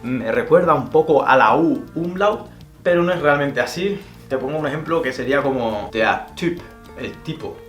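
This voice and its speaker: Slow, careful word demonstrations come from a German teacher with a slightly high voice whose first language is Spanish. His pronunciation lesson is recorded with a roomy echo and faint music.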